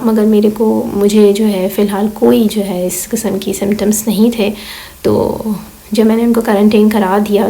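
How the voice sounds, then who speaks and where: A woman in her thirties from Pakistan, talking slowly through a casual vlog voice-over while hoarse and weak from illness, with many fillers. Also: mid-range voice, mellow, low-quality recording. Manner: slow, rambling, many fillers. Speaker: vlogger.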